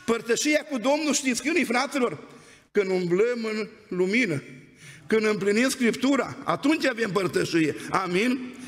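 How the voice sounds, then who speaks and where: Guy preaching in church, really high voice for a man, chatty storyteller, big echoey hall. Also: lively intonation, fairly bright tone. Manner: conversational storytelling preacher, prompting "amen?". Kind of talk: sermon. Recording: long church hall reverb.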